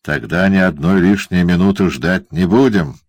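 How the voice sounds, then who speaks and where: A man's voice: low-pitched, moderate pace, vocal fry, no room sound. A man voicing a cruel, gleeful male dwarf in an audiobook, barking orders with a snarl. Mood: gloating. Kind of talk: audiobook character voice.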